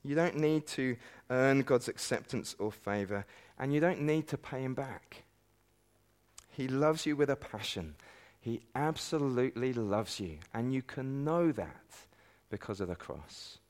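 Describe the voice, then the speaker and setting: An Englishman preaching to a conference crowd in a plain, mid-pitched voice. He speaks earnestly and piles up emphatic phrases toward each peak, then drops into quieter, heartfelt lines. Now and then he slips in a wry aside about himself. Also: animated, measured pace. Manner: earnest, building to emphatic climaxes with self-deprecating asides. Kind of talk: sermon. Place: conference meeting hall.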